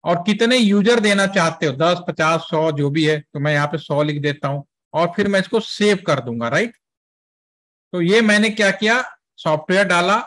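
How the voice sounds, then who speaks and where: A man with a slightly high voice teaches a networking class. He explains things step by step in a chatty way, mixing English terms into his talk and checking now and then that the students are following. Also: fairly bright tone. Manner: asks students checking questions. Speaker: networking trainer. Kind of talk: classroom lecture with software demo.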